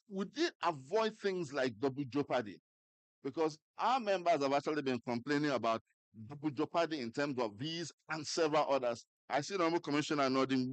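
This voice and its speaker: A man's voice: a little high, no echo. A man delivering a formal goodwill message for an employers' association, in a list-like way.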